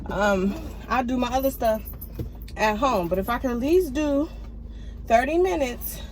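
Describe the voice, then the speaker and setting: A woman's voice: fairly high pitch, unhurried. A woman in her twenties chatting casually to the camera on a phone while walking a wooded trail, laughing often. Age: 20s. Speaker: vlogger. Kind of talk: casual vlog chat.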